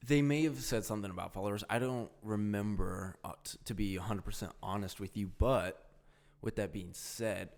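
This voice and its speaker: Young podcast guy rambling, low-ish voice, lots of dude and like. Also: moderate pace, a little mellow. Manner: rambling, filler-heavy, says "dude" and "you know what I mean". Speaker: podcast co-host. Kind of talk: casual chat.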